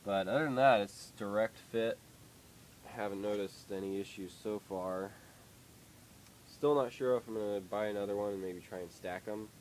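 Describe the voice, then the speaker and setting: A young man who vlogs about cars talks at a moderate pace in a lowish, slightly mellow voice made nasal by a head cold. His garage update on the car project is hesitant and rambling, packed with fillers, recorded in a badly lit workshop with poor audio and a little hiss or hum.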